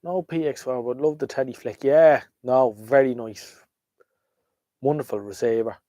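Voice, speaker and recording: A man's voice: mid-range voice, moderate pace, dark tone, dry recording. An Irish man chatting casually as a livestream host, hesitant and opinionated, trailing off and jumping between thoughts. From Ireland. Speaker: livestream host chatting with viewers about vintage radios. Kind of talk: casual, rambling live chat.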